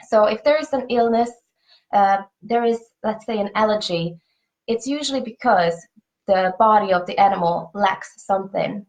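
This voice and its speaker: A native Hungarian speaker with a Hungarian accent and a medium-pitched voice describes her family's pet supplement business to the camera. She comes across as earnest and conversational, often repeating words while she searches for the right ones. The recording quality is low.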